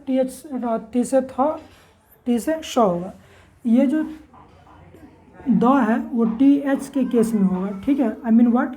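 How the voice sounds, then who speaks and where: In a classroom-style lesson on English pronunciation, a woman with a high-pitched, warm voice asks herself questions and then answers them, spelling words letter by letter. The audio quality is poor.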